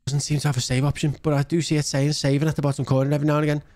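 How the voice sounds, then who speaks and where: A gaming channel host, around thirty to forty-five, races through chatty let's-play commentary, thinking aloud at his indoor setup with a close desk mic. His voice is on the high side, level and darkish, and the recording is dry.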